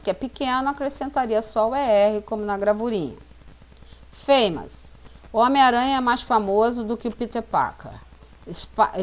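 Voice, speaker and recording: A woman teaching English grammar to students, explaining each rule step by step, spelling out letters and repeating every example sentence. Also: medium pitch. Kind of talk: slow classroom explanation.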